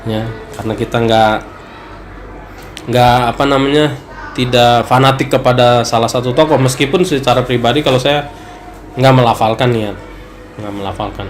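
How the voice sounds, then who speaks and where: A man acting as an ustaz, who teaches Islamic law in a relaxed, conversational study session and sometimes acts out the questions worshippers bring him. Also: mid-range voice, normal speed, long pauses. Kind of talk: religious study talk. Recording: echoey room with some noise.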